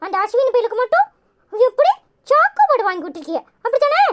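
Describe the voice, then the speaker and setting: A shrill, stubborn little village girl. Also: very animated, quick pace. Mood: indignant. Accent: Kanyakumari Tamil. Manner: sharp, argumentative, sarcastic retorts. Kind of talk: cartoon voice acting.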